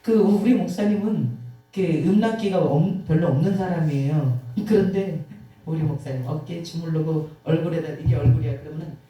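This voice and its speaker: Dark-voiced woman preaching in echoing church. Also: low-pitched, fairly quick, soft background music. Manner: animated storytelling, acting out quotes, sighing. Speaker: guest preacher. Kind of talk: emotional testimony sermon. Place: church sanctuary. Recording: echoey hall from far off.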